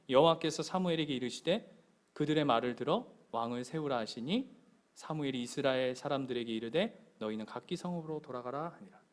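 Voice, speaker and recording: A middle-aged man preaching a sermon as pastor, animated, acting out quoted voices and swinging from loud to soft. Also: fairly high pitch.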